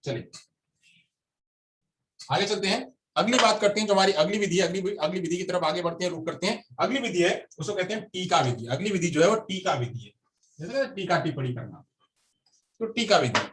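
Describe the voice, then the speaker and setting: A man's voice: sits high, animated, a little fast, fairly bright tone, a little hiss or hum. A man teaching a class, repeating each term and asking and answering his own questions. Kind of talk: classroom lecture. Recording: echoey room, mic at a distance.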